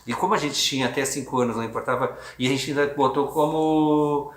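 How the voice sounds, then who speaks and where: A man's voice: medium pitch, fairly even intonation, brisk. A man, an adoptive father telling his story in a hesitant documentary interview with many restarts. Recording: echoey room on a phone.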